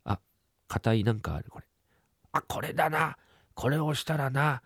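A man's voice: normal speed, fairly bright tone, slightly rough, no echo, clean studio sound. A man performing rakugo plays a bumbling, cheeky young doctor's assistant chattering fussily at a bedside. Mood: fussy. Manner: fussy, chatty bedside talk, low-voiced. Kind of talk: rakugo storytelling.

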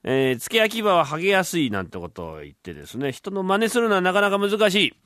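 A man hosting on radio and telling rakugo in a brisk, lively storyteller's manner. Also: high voice, no room sound, studio quality.

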